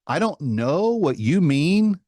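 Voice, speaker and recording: A man's voice: a little high, big pitch swings, takes it slowly, a little mellow, dry recording. A man hosting a political talk show, delivering a monologue in a mocking, emphatic way that repeats words for effect.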